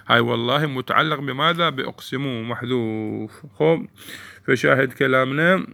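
A male teacher walks a class through grammar rules. His voice has a gravelly, creaky edge, and his pitch sits in the ordinary middle range. He keeps putting questions to the students and then answers them himself. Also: sharp tone. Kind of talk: Arabic grammar lesson.

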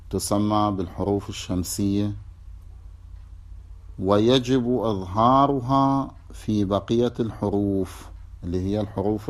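A man with an Iraqi Arabic accent giving a methodical lecture on religious law, repeating examples and contrasting right and wrong pronunciation. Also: on the low side. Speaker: religious teacher.

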